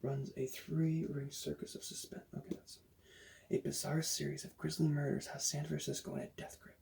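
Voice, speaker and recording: A man in a whispered role-play speaks as a librarian in a hushed, breathy library whisper, thick with gravelly fry. His voice sits a little high for a man, and clear noise runs behind it. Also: level tone, normal speed, low-quality recording. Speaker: librarian recommending books in an ASMR roleplay.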